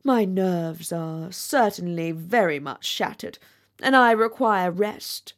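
Slowly and with animation, a woman gives voice to a storybook's haughty, self-important male rocket, vain and easily offended. Her pitch sits on the low side as she plays up his pompous air.

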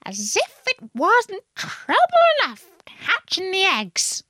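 A woman's voice: extremely high pitch, huge pitch swings, slow, bright, forceful tone, no room sound, studio quality, voice pushed up, full character voice. A woman voicing a frantic, scornful mother pigeon in a storybook reading, with indignant, aggrieved screeching. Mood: aggrieved complaint.

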